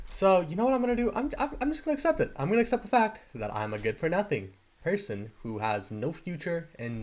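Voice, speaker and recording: A teenage boy rambling through self-deprecating commentary while playing a game, trailing off into mumbled asides and restarts. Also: mid-range voice. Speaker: gaming channel host. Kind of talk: rambling Minecraft let's-play commentary.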